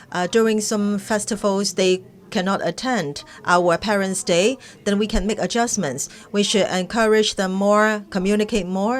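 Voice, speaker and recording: Woman, medium pitch, live webinar interpreting, halting phrase-by-phrase delivery. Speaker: simultaneous interpreter.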